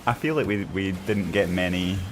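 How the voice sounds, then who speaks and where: A man's voice: low voice, normal speed, background noise. A man co-hosting a live stream, reading viewer comments aloud and laughing easily. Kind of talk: casual chat.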